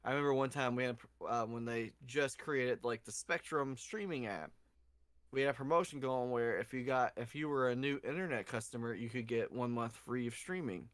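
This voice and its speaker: Young dude on a podcast, dry close sound, swears a lot and acts out what people said. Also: male voice, medium pitch, normal speed, no room sound. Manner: animated storyteller, cusses freely, acts out quotes. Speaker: podcast co-host. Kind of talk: casual drunken storytelling chat.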